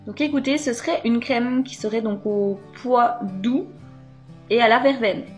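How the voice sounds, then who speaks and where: A woman's voice: on the high side, unhurried, lo-fi sound, soft background music. A woman chatting casually to her viewers while unboxing beauty products, with many hesitations and fillers. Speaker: beauty box unboxing vlogger. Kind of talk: casual unboxing chat to camera.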